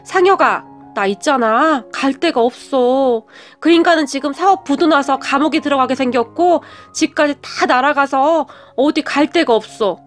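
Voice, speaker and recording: A woman voicing a destitute middle-aged birth mother who begs and pleads slowly. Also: sits high, faint music behind, close to an everyday voice. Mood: pleading. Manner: pleading, tearful, slow.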